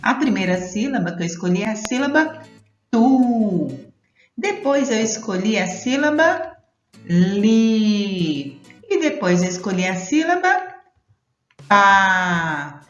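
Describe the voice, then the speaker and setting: A woman's voice: on the high side, very animated, brisk, hardly any pauses. A woman teaching young children, stretching out syllables in a sing-song way. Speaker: primary school teacher. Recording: roomy, dull sound with soft music.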